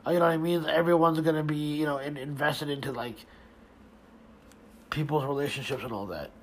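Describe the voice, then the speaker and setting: A young man delivers a heated, sarcastic rant, swearing freely and tripping over his own restarts and fillers. His voice sits a little high and has a gravelly, fried edge. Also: steady tone, fairly quick, poor audio. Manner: profane, rambling, many restarts and fillers. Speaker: online commentator. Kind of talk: ranting casual monologue.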